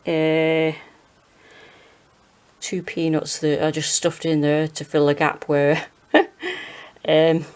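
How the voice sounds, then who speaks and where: A British woman in her forties chatting casually and hesitantly as she gives a rambling home gardening tour, with a monotone, self-deprecating manner. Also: deep voice, slow, long pauses. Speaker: gardening vlogger. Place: small home kitchen and windowsill, indoors.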